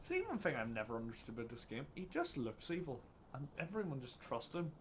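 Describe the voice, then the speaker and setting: A man's voice: mid-range voice, wildly swooping pitch, brisk, slight background noise. A man giving casual let's-play commentary, chatty and self-mocking. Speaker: gaming channel host.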